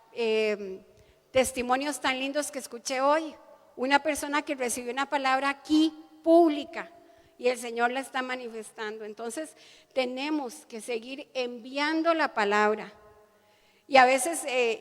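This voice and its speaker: High-voiced woman preaching a sermon. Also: a bit bright. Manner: earnest, often adds the tag "¿verdad?". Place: church hall. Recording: long church hall reverb.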